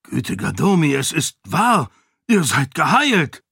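A man's voice: a little high, measured pace, fairly bright tone, dry recording, studio quality, voice pushed up. A man voicing a greedy adult male city guard captain, raised and eager in his speech.

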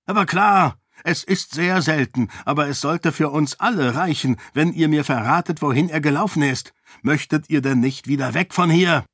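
A quick-witted young nobleman, scheming and urgent, as a male audiobook reader puts him on. He speaks higher and louder than the narration, pushing and commanding. The sound is dry and close. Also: lively intonation, no room sound, lightly acted. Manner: commanding, pressing. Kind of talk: audiobook character voice.

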